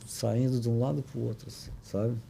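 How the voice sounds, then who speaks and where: Older guy from brazil, gravelly dark voice, telling a sad family story, lots of restarts. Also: mid-range voice, little pitch movement, slight background noise. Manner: halting, many restarts and tag questions. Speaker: podcast guest. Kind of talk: emotional personal storytelling.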